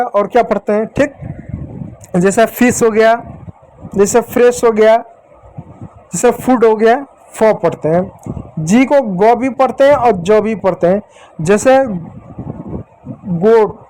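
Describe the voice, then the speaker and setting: A man's voice: high-pitched, mellow, slight background noise, poor audio. A man teaching English letter sounds to children in Hindi, patient and repetitive, stopping often to check understanding. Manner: slow, patient, repeats example words and checks with "ठीक". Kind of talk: Hindi phonics lesson for children.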